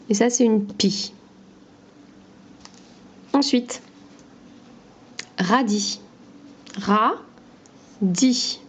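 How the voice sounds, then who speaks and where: A woman teaching a phonics lesson to young children, pronouncing each word slowly and clearly, syllable by syllable. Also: medium pitch, darkish tone. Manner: slow, clear syllable-by-syllable pronunciation.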